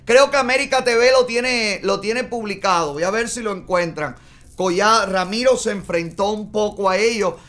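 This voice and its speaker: A man's voice: sits high, moderate pace, fairly bright tone. A middle-aged Cuban man hosting a studio show, giving indignant political commentary and gesturing a lot as he talks. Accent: Cuban Spanish. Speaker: host. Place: small studio in front of a bright backdrop.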